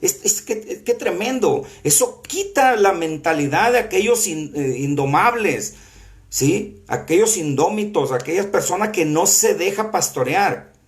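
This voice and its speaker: Earnest preacher teaching scripture. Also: male voice, sits high, lively intonation, a little slow. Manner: earnest, conversational, frequent filler sounds and restarts while quoting scripture. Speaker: apostle teaching a prophetic school class. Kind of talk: sermon-style Bible teaching.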